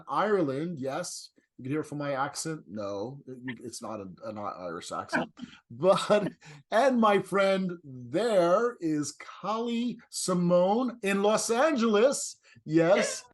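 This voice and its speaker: A man with a fairly high voice hosts an interior design talk over a video call. He is chatty but halting, often restarting sentences and laughing.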